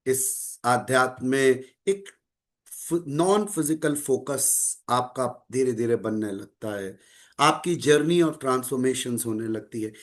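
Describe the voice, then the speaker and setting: A middle-aged man giving a calm, measured spiritual talk to listeners, mixing in English phrases. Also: mid-range voice. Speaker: spiritual speaker.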